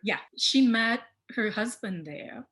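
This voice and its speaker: A woman's voice: a little high, lively intonation, slow pace, fairly bright tone. Middle-aged woman telling anecdotes on a call. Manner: chatty, tells anecdotes. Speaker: guest. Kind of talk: casual video-call chat. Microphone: video call.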